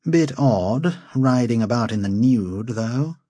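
A man's voice: medium pitch, animated, slow pace, dark tone, husky, dry recording, clean studio sound, pitched above the performer's own voice. A man voicing a sly male companion who fawns on nobles, obsequious and wry.

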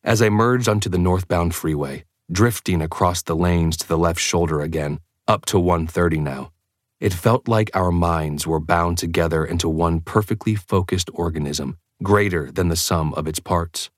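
Deep-voiced man narrating an audiobook. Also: normal speed, no echo, studio quality. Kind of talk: scripted first-person narration.

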